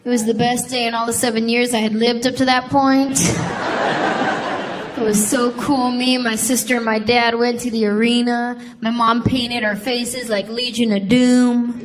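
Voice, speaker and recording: A young woman performing a stand-up comedy set, telling stories in an animated way and shouting out voices. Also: a little high, normal speed. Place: comedy stage before a laughing audience. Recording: live stage audio with crowd noise.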